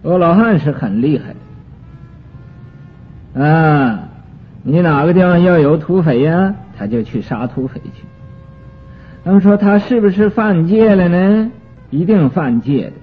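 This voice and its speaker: A man giving a Buddhist sutra commentary lecture, explaining terms slowly with many drawn-out fillers. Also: a little high, lively intonation. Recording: tinny lo-fi recording with faint music.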